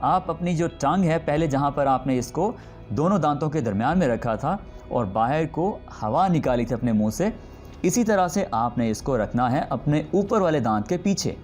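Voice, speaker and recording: A man teaching English pronunciation. He explains patiently and says each example word slowly and drawn out, often stopping to check in with the learner. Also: medium pitch, animated, a little mellow, soft background music. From Pakistan. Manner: drawn-out demonstration words repeated slowly. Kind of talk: spoken language lesson.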